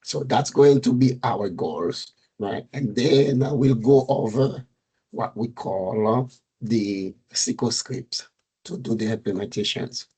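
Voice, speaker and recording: Haitian-accented man giving a slow tech talk. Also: mid-range voice, dark tone, slightly rough. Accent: Haitian Creole and French. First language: Haitian Creole. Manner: halting, many fillers and restarts. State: recovering from a fever and cold. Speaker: meetup speaker, data architect. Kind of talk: technical presentation on a video call.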